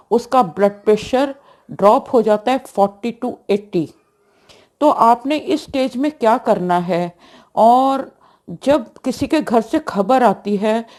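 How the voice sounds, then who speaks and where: A woman homeopathic doctor gives a health lesson, explaining deliberately and mixing in English medical terms. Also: a little high, darkish tone.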